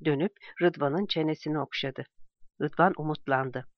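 Measured audiobook narrator, dry recording. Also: medium pitch, steady tone, no echo, lo-fi sound. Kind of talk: scripted narration.

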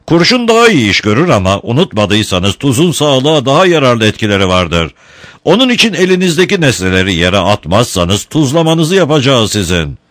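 A gruff grown man booms out orders and threats in a loud, raised voice. The male narrator puts him on. His tone stays forceful and blunt. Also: big pitch swings, fairly quick, dry recording, clean studio sound. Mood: threatening. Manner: booming, roaring orders. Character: gruff grown man, armed village leader.

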